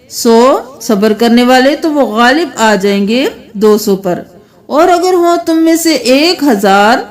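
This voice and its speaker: A woman teaching Quran recitation, patiently explaining the rules and spelling words out slowly, letter by letter. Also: fairly high pitch. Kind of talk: Quran reading lesson.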